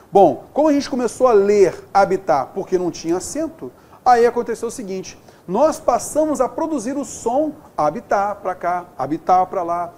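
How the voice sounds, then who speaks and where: A man with a Brazilian Portuguese accent teaching a grammar lesson, talking straight to his students and stretching out the example words slowly. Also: sits high. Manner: animated, drawing out example words slowly, addressing students directly. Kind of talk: lively classroom-style lesson.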